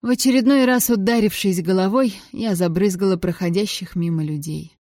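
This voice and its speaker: A woman reading a novel aloud in the first person, in an expressive, measured storytelling manner on a close mic. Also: mid-range voice, no room sound. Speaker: audiobook narrator. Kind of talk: first-person audiobook narration.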